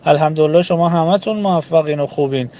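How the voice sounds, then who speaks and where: A man giving an earnest religious talk to a group, speaking in rhythmic lists with frequent pauses. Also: fairly high pitch, dark tone, muffled recording, slight background noise.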